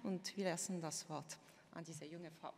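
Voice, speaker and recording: A woman's voice: on the low side, fairly even intonation, moderate pace. A woman co-director making brief remarks on stage, handing over the floor plainly. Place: conference hall. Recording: hall reverb with faint noise.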